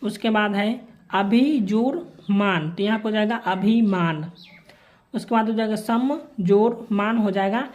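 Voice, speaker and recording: A woman's voice: medium pitch, a little mellow. A woman teacher from Bihar walking through textbook answers, repeating set phrases as she writes them out. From Bihar, India. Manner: slow, repeats formulaic phrases while writing answers. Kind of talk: homework answer walkthrough lesson.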